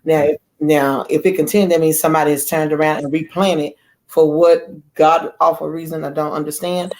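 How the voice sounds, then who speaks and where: A woman in a casual chat as a guest, outspoken and animated, often restarting her sentences. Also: deep voice, a little fast, a little hiss or hum.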